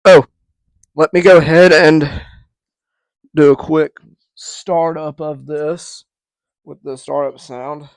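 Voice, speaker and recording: Guy talking slow and easy, rambling on about his vintage fan, dry close sound. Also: a little high, steady tone, clean tone, no echo. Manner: rambling, with restarts and asides. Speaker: vintage fan collector channel host. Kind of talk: casual demo video narration.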